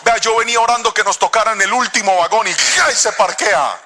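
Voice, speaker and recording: A middle-aged man from Cali with a Colombian accent, preaching a sermon and telling a story in an animated, theatrical way with sudden shouts. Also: high voice, brisk. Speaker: pastor.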